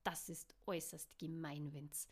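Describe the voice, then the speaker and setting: A woman voicing a shaken young woman who speaks softly and hesitantly. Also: deep voice, little pitch movement, unhurried, breathy edge, voice pushed down. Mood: pleading. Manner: hesitant, soft.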